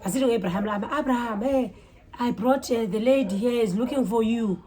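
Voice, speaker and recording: A South African woman with a Xhosa accent, speaking briskly in a highish voice, relates a story for her storytime vlog. It's casual and animated, full of mid-sentence language switching, exclamations, and acted-out dialogue.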